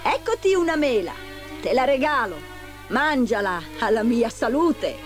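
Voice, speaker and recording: A woman voicing a wicked, vain queen who speaks in a low, hushed, scheming whisper. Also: sing-song, unhurried, over music. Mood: sly gloating.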